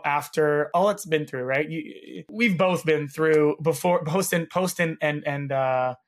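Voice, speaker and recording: Male podcast host, slightly high register, raspy and hoarse with a gravelly edge, chatting casually as interviewer. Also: a bit bright. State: hoarse from laryngitis. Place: home guest bedroom or office.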